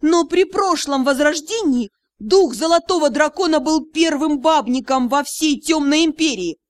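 Женщина читает строгую вспыльчивую капитаншу. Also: female voice, fairly high pitch, normal speed, dry recording, close to an everyday voice. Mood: indignant. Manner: sharp, scolding. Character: stern female captain and curator, strict, quick-tempered.

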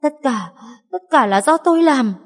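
A woman voicing a terrified scheming young wife who begs in stammering, shrill pleas. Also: moderate pace, a little mellow, in a large hall, faint music behind, close to an everyday voice. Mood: confessing.

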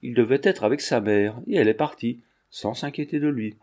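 A man reading a storybook, voicing a gruff but kindly old army sergeant who scolds and blusters. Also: mid-range voice, brisk, a little mellow, lightly acted. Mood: scolding. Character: gruff, good-natured old army sergeant park keeper.

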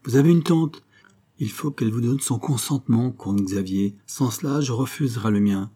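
A man voicing a gentle, patient mother with a soft, broken voice, read in an audiobook. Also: mid-range voice, normal speed, breathy edge, close to an everyday voice. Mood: gently firm. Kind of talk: audiobook character reading.

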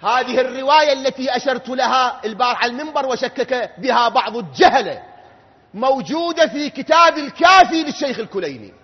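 A man with an Iraqi Arabic accent preaching a mourning sermon from the pulpit, moving between low quiet talk and loud, shouted, drawn-out lines. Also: expressive, breathy edge. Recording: dull sound, long hall reverb.

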